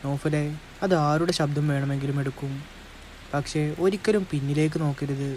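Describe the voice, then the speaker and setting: A man's voice: a little high, fairly even intonation, normal speed, darkish tone, slight background noise, close to an everyday voice. A man voicing a frightened ghostly mechanic who gives urgent warnings in a storybook horror tale.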